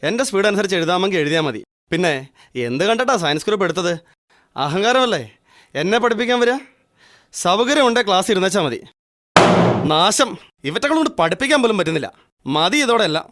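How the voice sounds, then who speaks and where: An actor with a Malayali English accent playing an impatient, contemptuous chemistry lecturer who rushes through his lecture in a monotone and snaps at students. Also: on the high side. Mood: scornful. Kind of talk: short film acting.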